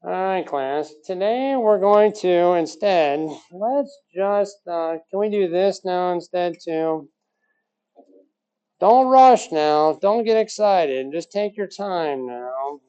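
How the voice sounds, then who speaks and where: A man putting on the voice of a stiff, old-fashioned male math teacher, talking slowly, softly and over-carefully. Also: sits high, expressive, clean tone, highs cut off. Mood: mock formal.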